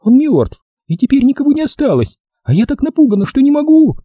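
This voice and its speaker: A man's voice: high-pitched, animated, fast talker, breathy edge, dry recording, lo-fi sound, pitched above the performer's own voice. Man putting on a hysterical frightened woman. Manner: wailing, pleading, frantic whispers. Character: hysterical terrified young woman on the phone.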